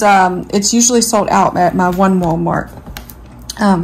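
A woman's voice: medium pitch, a little hiss or hum. Chatty woman vlogging in her kitchen. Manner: chatty, rambling, with fillers. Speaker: lifestyle vlogger. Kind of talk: casual grocery haul vlog. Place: home kitchen, indoors. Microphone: handheld phone camera.

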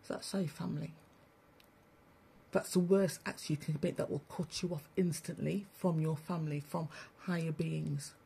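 A woman's voice: low-pitched, fairly even intonation, moderate pace, creaky, warm tone, breathy edge. A woman giving a blunt, preachy spiritual monologue to listeners she calls family, swearing freely as she rants. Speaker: spiritual broadcaster. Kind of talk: ranting livestream monologue.

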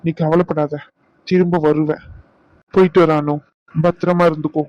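A man voicing a young husband in a cartoon, speaking softly and reassuringly. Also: a little high, level tone, moderate pace, dry recording, highs cut off, lightly acted. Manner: soft, reassuring. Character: young husband, gentle and remorseful.

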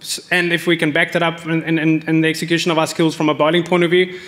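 Man in his forties, cricket coach, press conference, table microphones, rapid delivery, restarts and fillers. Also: fairly high pitch, flat delivery, a bit bright. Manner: measured, speaks in fillers and restarts.

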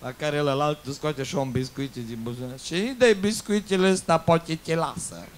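A man telling jokes, swinging between loud outbursts and muttered asides. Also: fairly high pitch, slight background noise. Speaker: joke teller. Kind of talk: telling jokes with acted-out voices.

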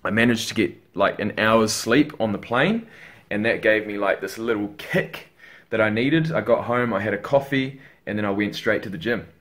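Tired, rambling young man, low voice. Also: normal speed, fairly bright tone. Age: young adult. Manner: tired, rambling, swears casually. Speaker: fitness vlogger. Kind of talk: casual vlog chat. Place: bedroom at home, indoors.

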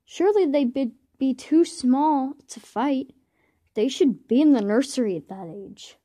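For an amateur cartoon audition, a woman gives an earnest line reading as a male warrior cat. Her high voice is expressive and mellow, moving at a measured pace.

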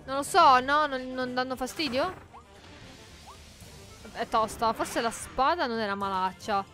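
A gaming YouTuber plays a video game and comments as she goes in let's-play style, chatty and jokey, shrieking in panic whenever things go wrong. Her voice sits high with a sharp tone and a slightly slow pace, over soft background music.

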